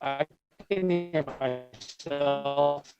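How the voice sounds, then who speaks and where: A man giving a halting committee report at a board meeting over a video call whose audio keeps breaking up. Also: a little high, muffled recording, over loud music. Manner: halting, slow, with many fillers. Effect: remote video call audio, breaking up. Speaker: board member, committee chair.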